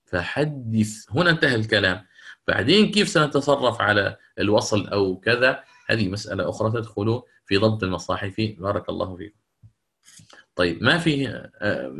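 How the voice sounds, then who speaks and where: A middle-aged man whose voice sits on the low side, with a bright and forceful tone, teaches Quran recitation rules online and recites examples. He goes step by step, stopping to ensure his students keep up and to answer what they ask.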